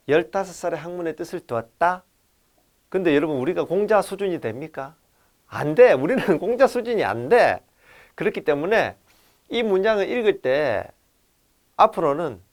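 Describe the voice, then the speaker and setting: A man giving a lively lecture on classical texts, speaking straight to his audience and switching between polite and casual speech. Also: on the high side, moderate pace.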